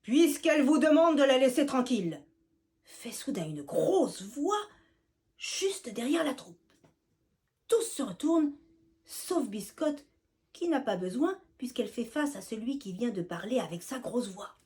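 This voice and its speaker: A woman telling a scripted children's tale, her voice pitched high and lively. She swoops up and down with plenty of expression. The telling is animated from line to line. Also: unhurried. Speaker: storyteller. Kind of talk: scripted storytelling.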